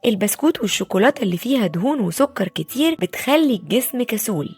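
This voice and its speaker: A woman with an Egyptian Arabic accent voicing a calm, wise and kind female apple in a children's bedtime story. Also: on the high side, quick pace, slightly rough. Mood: gentle. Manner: gentle and patient, explaining.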